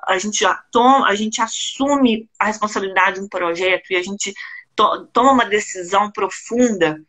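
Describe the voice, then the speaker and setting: A woman in her thirties from Brazil, with a Brazilian Portuguese accent, working as a career coach and telling her own story in a relaxed live-stream chat, lively and emotional, with laughter between phrases. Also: medium pitch, normal speed, rough recording.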